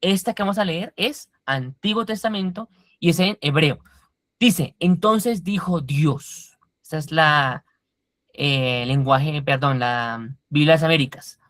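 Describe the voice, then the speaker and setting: A woman's voice: low voice, measured pace, fairly bright tone, dry recording, clean studio sound. A woman teaching a Bible study class, putting questions to the group and explaining words step by step.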